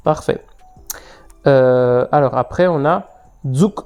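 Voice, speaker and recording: A man's voice: medium pitch, takes it slowly, a little mellow, clean tone, soft background music. A man teaching vocabulary in an online lesson, patiently repeating words for learners to echo. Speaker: language teacher.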